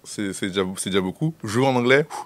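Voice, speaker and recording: Low-voiced hesitant male guest. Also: lively intonation, fast talker, dry recording. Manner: hesitant, laughs, many fillers. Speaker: guest filmmaker. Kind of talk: casual interview chat.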